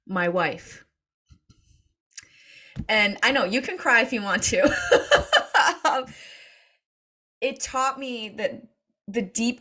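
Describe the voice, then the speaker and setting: A woman telling family stories to an audience, laughing often and acting out quoted voices. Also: lowish voice. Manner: warm anecdotal, laughs often, acts out quotes. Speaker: speaker. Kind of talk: storytelling talk to an audience.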